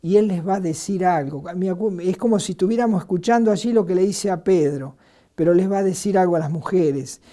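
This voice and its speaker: An Argentine woman preaching a sermon in an earnest way, asking rhetorical questions and pausing on filler words. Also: lowish voice, warm tone. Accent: Argentine Spanish.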